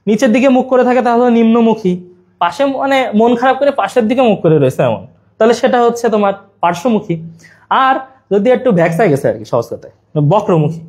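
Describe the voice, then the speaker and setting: High-voiced man teaching exam prep. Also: darkish tone. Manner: chatty, explains with playful memory tricks.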